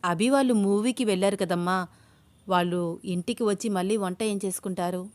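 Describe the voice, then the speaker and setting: A woman's voice: mid-range voice, fairly quick, a little mellow, close to an everyday voice. A woman reading as a kindly cheerful mother. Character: kindly middle-aged mother, cheerful and easygoing.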